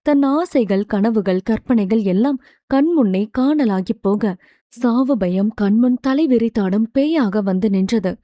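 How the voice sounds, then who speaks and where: A woman narrating a romance novel audiobook with steady, expressive storytelling. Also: fairly high pitch, unhurried, dry recording.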